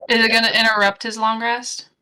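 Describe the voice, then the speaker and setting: A woman playing her character in a tabletop game, casual and direct as she asks quick questions and declares actions. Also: a little high, flat delivery, pushed and bright, clear, resonant tone. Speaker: player.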